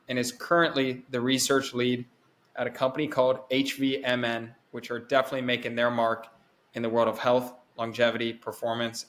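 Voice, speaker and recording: A male podcast host with a middle-pitched, flat-toned voice opens the show. His delivery is upbeat and announcer-like, then it eases into questions for his guest. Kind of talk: scripted show intro.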